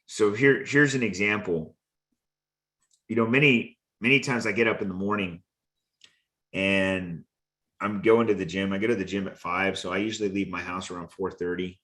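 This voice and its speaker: A man with a lowish voice delivers an earnest motivational talk to his listeners. He leans on repetition, circling back to the same phrases to drive each point home. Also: steady tone, normal speed, a bit bright. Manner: earnest, preachy, repeats phrases for emphasis. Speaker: host.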